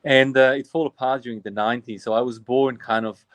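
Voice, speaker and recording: A man of about forty speaks earnestly as a priest, circling back and restarting his thoughts. His voice sits at an ordinary middle pitch. The sound is close and dry, with no room around it. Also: steady tone, fairly quick, a bit bright, no room sound. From Bosnia. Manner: earnest and reflective, frequent restarts. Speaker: Orthodox priest, guest. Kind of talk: personal storytelling in interview.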